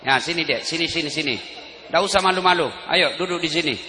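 A man's voice: a little high, quick pace, sharp tone, reverberant, big-room sound. A man preaching a sermon to an open-air crowd, joking and calling out to the audience. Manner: joking, addresses the crowd directly. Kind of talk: Islamic sermon. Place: open-air field gathering.

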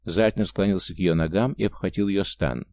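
A man narrating a science fiction novel as an audiobook, in a measured, even storytelling manner. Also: sits low, no room sound.

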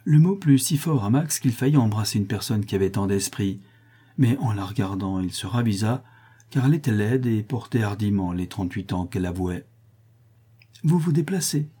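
A man narrating a literary novel as an audiobook with a steady, expressive reading. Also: fairly low pitch, a little fast, breathy edge. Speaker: audiobook reader.

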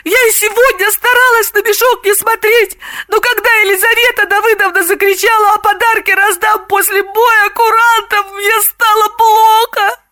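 A woman's voice: very high-pitched, fairly even intonation, measured pace, long pauses, sharp tone, no echo, studio quality, voice pushed up, heavily acted. A woman voicing a hysterical young woman who cries and shrieks in frantic outbursts. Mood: sobbing. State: crying.

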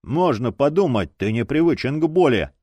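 A man's voice: mid-range voice, sing-song, normal speed, a little mellow, dry recording. A man voicing a smug adult male cult leader who gives orders and mocks others in an audiobook. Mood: mocking. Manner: mocking, smug.

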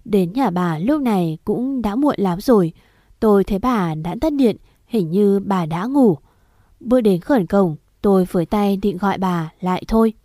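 A woman narrating a ghost story in the first person with a sad, measured delivery. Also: medium pitch, animated, dark tone, no echo, studio quality.

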